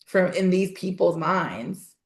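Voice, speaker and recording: Podcast guest woman, pretty low voice, punchy and animated, echoey room. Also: slow, vocal fry. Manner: emphatic, animated, laughing asides. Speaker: podcast guest, voice and storytelling coach. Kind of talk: casual interview chat. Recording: roomy echo.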